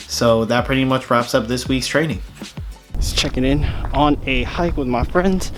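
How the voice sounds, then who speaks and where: A young man, narrating his fitness vlog in a laid-back, slangy way. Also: mid-range voice. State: out of breath while hiking. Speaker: fitness vlogger. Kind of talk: casual vlog voice-over.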